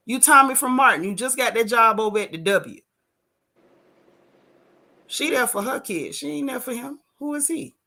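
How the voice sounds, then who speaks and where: A woman hosting a casual gossip chat, sassy and playful with loud joking. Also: on the high side, lively intonation, normal speed, pauses often. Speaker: podcast host.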